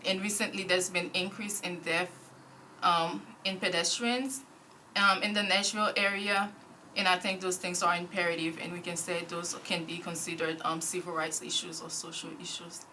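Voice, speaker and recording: A young woman from Haiti answering interview questions as a board nominee, measured and full of small pauses. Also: lowish voice, flat delivery, pushed and bright, a little hiss or hum, rough recording. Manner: measured, frequent ums. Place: council committee room.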